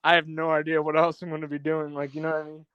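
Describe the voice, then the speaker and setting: A teenage guy speaks as a guest on a podcast over a video call, easygoing and a bit hesitant, leaning on "like" as he thinks. His voice is smooth and clear and sits a little high. The sound is dry, with no room around it. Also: completely flat delivery, fast talker, dry recording, muffled recording. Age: teens. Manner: easygoing, hesitant, heavy use of "like". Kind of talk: casual chat.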